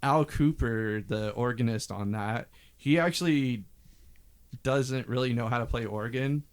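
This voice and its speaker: A man's voice: mid-range voice, measured pace, smooth. A man co-hosting a casual podcast about an old album, telling rambling stories and imitating voices he talks about. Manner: rambling storyteller, mimics singing and quotes. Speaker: podcast co-host.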